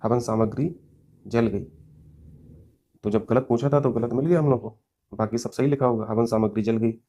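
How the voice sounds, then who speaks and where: A man's voice: mid-range voice, moderate pace, warm tone. A man teaching a Hindi grammar lesson, working through mock test questions step by step and often checking in with his students. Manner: explains step by step, often checking with "theek hai" and "hai na". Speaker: exam coaching teacher.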